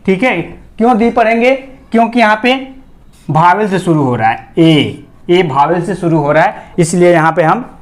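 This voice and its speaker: Male grammar teacher, high pitch, patient step-by-step explainer who reads examples word by word. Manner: repeats questions to students and answers them himself. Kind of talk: explanatory classroom lesson.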